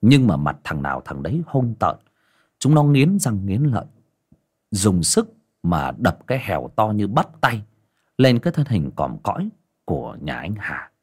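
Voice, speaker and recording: A man narrating a dramatic story in an expressive storytelling manner. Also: lowish voice, measured pace, slightly rough.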